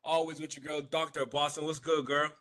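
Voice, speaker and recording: A man's voice: a little high, level tone, a little fast, fairly bright tone. A young man co-hosting a podcast, chatting casually, rambling and correcting himself, laughing often. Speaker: podcast co-host. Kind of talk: casual chat.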